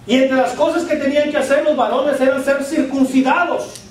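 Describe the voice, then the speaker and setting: A man preaches a sermon in a high voice, pausing often and letting his voice sink at the close of each line. He sits well back from the mic in a church hall with heavy echo. A faint hum of room noise runs underneath. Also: fairly even intonation. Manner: preaching with pauses, dropping his voice at line ends. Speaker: pastor. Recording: very echoey church hall from far off.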